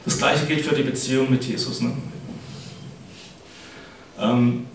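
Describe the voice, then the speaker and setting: A middle-aged preacher delivers a casual sermon in a chatty way, constantly adding "ne?" to address the congregation. His mid-range voice is creaky, with fairly even intonation and a measured pace, heard off-mic from a distance in an echoey hall with a little hiss or hum.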